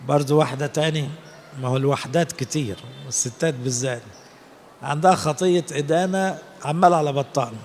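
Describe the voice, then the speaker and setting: Egyptian priest preaching in echoing cathedral. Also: male voice, on the high side, fast, a little hiss or hum. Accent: Egyptian Arabic. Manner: storytelling, acting out quoted people. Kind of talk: sermon.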